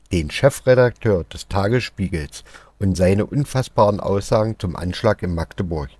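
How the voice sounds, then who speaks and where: A man's voice: lowish voice, a little mellow, no echo. A man hosting a video channel, speaking to viewers in an indignant, sensational tone. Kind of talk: YouTube reaction intro.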